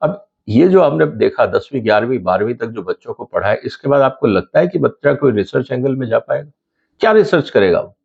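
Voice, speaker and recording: A man's voice: medium pitch, expressive, a little fast, gravelly, darkish tone, husky, dull audio. A middle-aged man hosting his own channel, giving explanatory commentary to camera and asking viewers pointed rhetorical questions.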